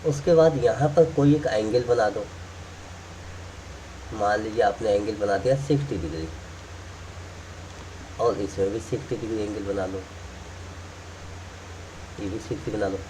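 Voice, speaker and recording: A man's voice: fairly low pitch, unhurried, pauses often, mellow, far from the mic, a little hiss or hum. A man teaching math, explaining step by step while drawing and repeating key points. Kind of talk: classroom explanation.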